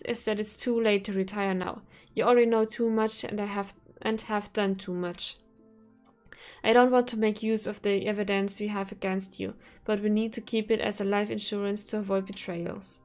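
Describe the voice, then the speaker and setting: A woman voicing a manipulative male professor while reading a visual novel aloud, coaxing and calmly threatening. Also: medium pitch, close to an everyday voice. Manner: smooth, coaxing, coldly threatening.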